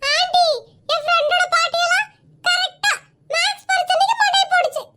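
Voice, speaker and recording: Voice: very high-pitched, a little fast, pushed and bright. A voice actor playing a cheeky, whiny schoolboy grandson in a cartoon.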